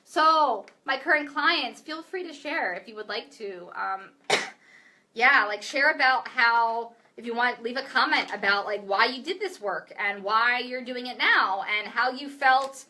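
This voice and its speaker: A woman's voice: fairly high pitch, lively intonation, measured pace, pushed and bright. A woman mentor talking casually to camera, candid and profane, full of filler likes. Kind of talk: casual direct-to-camera talk.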